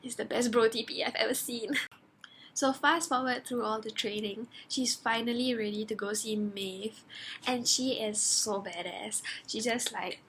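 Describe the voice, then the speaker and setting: Bubbly higher-voiced woman reviewing a book. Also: unhurried, slight background noise. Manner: animated and gushing, acting out her own reactions. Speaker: book vlogger.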